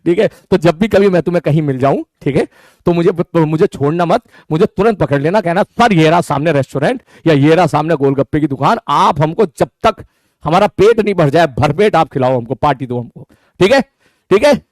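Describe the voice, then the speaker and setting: A male teacher with a lilt, joking with his online class. His voice sits high and leaps around in lively swoops. He talks close to the mic in a dry room with no echo. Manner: playful teasing, repeats words in rapid runs; breaks into high mock voices when quoting students. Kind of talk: casual live online class banter.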